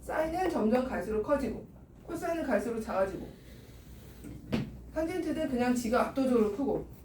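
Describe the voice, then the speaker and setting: A woman teaching math to a class, her voice high and her tone coaxing as she keeps asking students questions. She sounds distant from the mic, the room is echoey, and a steady noise runs behind her. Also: brisk.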